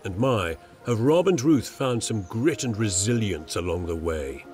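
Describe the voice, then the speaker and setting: An older man narrates a documentary with a wry, enthusiastic delivery. His pitch rises and falls in a lively way. Music plays clearly behind him. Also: unhurried. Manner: wry, enthusiastic, theatrical exclamations. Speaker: TV presenter. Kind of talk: documentary narration and on-site interviews. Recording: music bed under narration.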